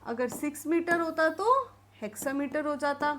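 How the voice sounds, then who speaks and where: A woman's voice: high-pitched, normal speed, a little hiss or hum. A woman teaching English literature in an exam revision lecture, reading questions out and explaining them step by step to her students. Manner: addresses students as "beta".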